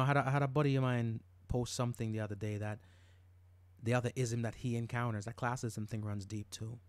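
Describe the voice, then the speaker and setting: A man's voice: on the low side, a little mellow, no echo. A middle-aged man from Jamaica hosting a podcast, talking in an emphatic, casual monologue and repeating words when worked up. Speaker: podcast host.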